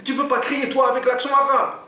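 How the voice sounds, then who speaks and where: A man voicing a clumsy, anxious young male robber in a storybook reading, with a squeaky, alarmed way of asking questions. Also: level tone, brisk, sharp tone. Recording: echoey room, distant mic, faint noise.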